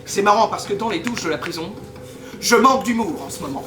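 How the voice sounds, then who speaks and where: A man's voice: high voice, animated, brisk. A man in a live improv show playing an exasperated imprisoned father who protests his innocence with hammy stage acting. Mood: wounded, bitter. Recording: echoey stage, distant mic, faint noise.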